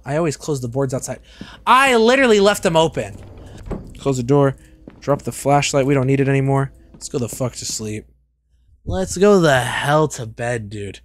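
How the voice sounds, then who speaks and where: A young man in his twenties giving casual, joking commentary while streaming a game, with loud outbursts and swearing, on a studio mic. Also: mid-range voice. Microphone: studio mic on arm.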